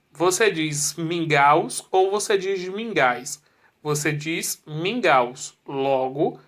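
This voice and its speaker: A narrator with a mid-range voice steps through a spelling rule in a scripted, methodical way. The delivery is slow and measured. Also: mid-range voice, fairly bright tone.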